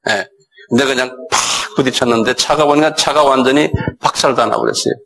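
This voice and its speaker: A middle-aged man preaching a sermon as pastor, animated and acting out scolding dialogue, often asking his listeners for assent. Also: brisk, rough recording. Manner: animated, acts out dialogue with sudden raised pitch.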